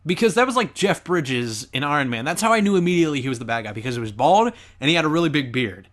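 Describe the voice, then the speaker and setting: Brief: male let's play commentator, lively pitch, slightly high, sarcastic jokes. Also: fast. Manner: animated, sarcastic and joking. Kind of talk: reaction commentary on his old video.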